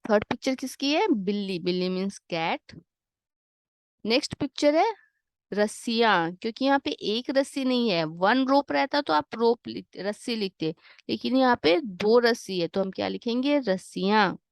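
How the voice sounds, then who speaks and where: Patient woman teaching Hindi, higher voice. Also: lively intonation, normal speed, creaky, no room sound, studio quality. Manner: patient, asks questions then answers them herself; mixes English glosses into her explanations. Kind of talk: worksheet lesson voice-over.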